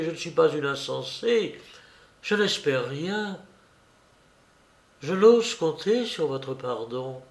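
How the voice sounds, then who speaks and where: A man's voice: fairly high pitch, gravelly, pitched above the performer's own voice, exaggerated voice. A man voicing a desperate, tearful estranged wife who pleads theatrically in an audiobook reading. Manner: pleading, theatrical, sobbing outbursts. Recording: roomy echo.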